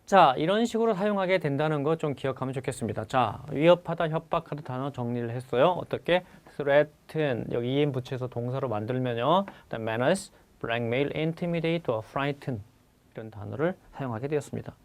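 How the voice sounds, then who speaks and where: A man teaching English vocabulary for civil service exams in a recorded lecture, repeating key words slowly and addressing his students. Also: mid-range voice. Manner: stresses the English words, then lets the Korean explanation trail off quietly.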